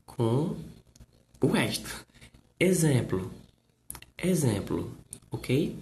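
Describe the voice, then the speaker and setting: Slow-talking Brazilian English teacher. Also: male voice, mid-range voice. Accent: Brazilian Portuguese. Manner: slow, repetitive explaining with playful jokes. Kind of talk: live-streamed lesson, reading viewer comments. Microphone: live stream setup.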